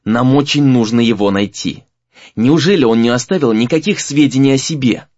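A man voicing a young sorcerer apprentice, grim and bitter, who talks slowly through clenched teeth. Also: mid-range voice, a little mellow, no echo, muffled recording, natural voice. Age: young adult. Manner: speaks through clenched teeth, slow and heavy.

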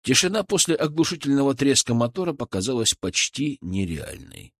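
Expressive male audiobook narrator. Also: mid-range voice, fairly quick, no echo, studio quality. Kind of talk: scripted first-person fantasy narration.

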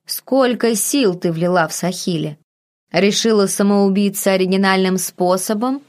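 Woman voicing mocking man, sharp-tongued, cocky. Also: medium pitch, normal speed, natural voice. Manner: sardonic, teasing.

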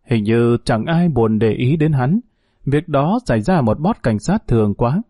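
Mellow-voiced male audiobook narrator. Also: mid-range voice, dry recording, clean studio sound. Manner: steady, measured storytelling.

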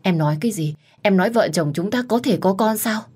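A woman's voice: mid-range voice, fairly quick, darkish tone, husky, pitched above the performer's own voice, close to an everyday voice. A woman voicing a devoted young husband who is tender and possessively jealous of his wife. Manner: earnest, possessive.

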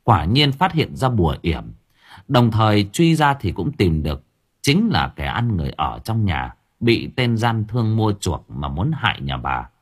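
A man narrating an audiobook story in an expressive, dramatic reading style. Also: on the low side, measured pace, breathy edge.

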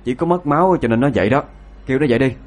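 A man's voice: medium pitch, very fast, voice pushed up, lightly acted. A man voicing a harsh older mother-in-law who scolds with contempt. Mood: scornful.

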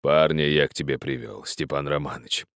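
A man voicing a pious old peasant miner who speaks slowly and gravely, preaching and pleading in an older man's voice. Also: very deep voice, fairly even intonation, a bit bright, dry recording, studio quality, voice pushed down. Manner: slow, grave, moralizing.

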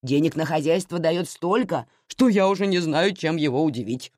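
Woman reading as an older mother, scolding, reproachful, lamenting, lively pitch, dry close sound. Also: moderate pace, dry recording. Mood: self-satisfied.

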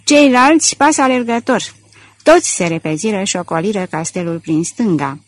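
A woman's voice: mid-range voice, lively intonation, dry recording. A woman narrating a detective novel as an audiobook, reading expressively into a close mic.

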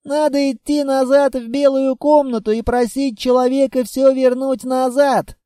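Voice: high-pitched, level tone, moderate pace, dark tone, dry recording, clean studio sound, voice pushed up, lightly acted. An audiobook reader voicing a weary, sarcastic companion who mocks and explains with exasperation. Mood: mocking. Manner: mocking, exasperated.

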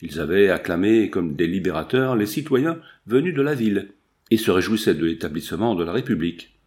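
A man reading a novel aloud as the narrator, at a measured and steady pace. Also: deep voice. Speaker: audiobook narrator. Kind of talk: scripted narration.

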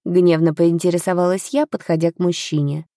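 A woman's voice: on the low side, steady tone, fairly quick, mellow, dry recording, clean studio sound. A woman narrating a first-person audiobook expressively, voicing the heroine's lines with indignation.

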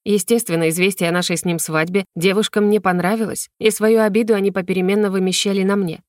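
A woman reading a first-person fantasy novel aloud in an even, measured way. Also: mid-range voice, no room sound, studio quality. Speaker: audiobook narrator.

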